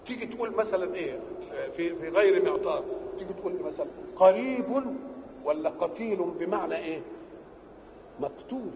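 A man with an Egyptian Arabic accent giving a religious lesson. He asks questions and answers them himself, and he stretches key words slowly for emphasis. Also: sits high, animated, darkish tone. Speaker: religious teacher. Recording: reverberant hall with faint background noise.

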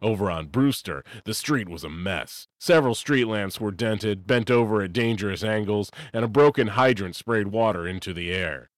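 A man narrating a story expressively, lifting his pitch for emphasis. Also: normal speed, hardly any pauses, no echo, clean studio sound.

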